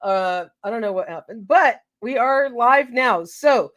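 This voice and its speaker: A woman hosts a live show in a casual, chatty way, laughing easily while reading out viewer names. Slightly congested from a cold, she speaks on the high side, animated but at a measured pace.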